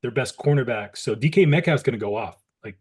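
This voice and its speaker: A man's voice: mid-range voice, animated, fairly quick, a little mellow, slightly rough. A man co-hosting a sports podcast, explaining plays and news and clarifying details for listeners. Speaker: podcast co-host. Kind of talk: casual sports chat.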